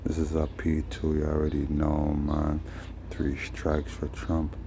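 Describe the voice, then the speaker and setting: A man speaking in Rastafarian patois, rambling casually in a drawn-out, preachy way with frequent tag phrases. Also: rumbling low, monotone, warm tone, slight background noise. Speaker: host. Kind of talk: casual rambling vlog monologue in Rastafarian speech.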